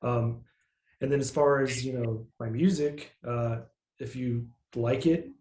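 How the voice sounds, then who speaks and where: Speaking a little slowly in a nasal mid-range voice, a musician rambles comfortably through a casual interview, leaning heavily on fillers. The audio sounds roomy.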